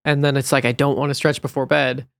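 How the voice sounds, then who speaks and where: A man's voice: medium pitch, flat delivery, fast, vocal fry, no room sound, clean studio sound. A man hosting a podcast, talking in a reflective, encouraging casual chat. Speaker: podcast host.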